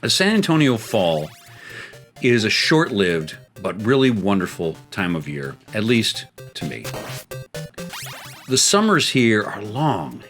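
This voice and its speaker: A man's voice: very animated, slow pace, a bit bright, faint music behind. A man from South Texas hosting a gameplay channel, chatting playfully while he plays a game and tells a story. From South Texas, United States. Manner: chatty and playful, jumping into high exclaims. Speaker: host.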